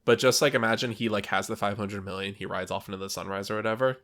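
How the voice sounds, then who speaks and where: A man co-hosting a movie podcast, talking in an animated, rambling way and laughing often. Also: fairly low pitch, quick pace. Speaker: podcast co-host. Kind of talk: casual chat.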